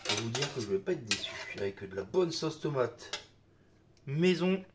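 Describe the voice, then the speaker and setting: Heavy background noise and kitchen clatter surround this cooking-video host, a man with a slight cold. His medium-pitched voice swings widely in pitch at a moderate pace, and his chatty talk is thick with fillers such as "hop" and "hein."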